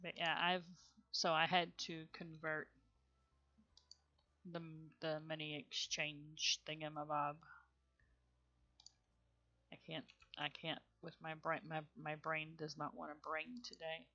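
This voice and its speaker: A woman's voice: low voice, little pitch movement, slow pace, long pauses, sharp tone, dull audio. A woman with a Southern US accent, streaming a game in casual commentary, chatty and rambling, muttering to herself and laughing often.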